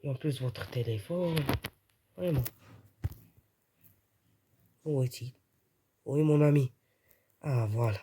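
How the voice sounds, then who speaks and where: A man's voice: medium pitch, takes it slowly, long pauses, warm tone, breathy edge. A man giving live gameplay commentary, jumpy and prone to yelping and repeating words in a panic. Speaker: gamer playing online.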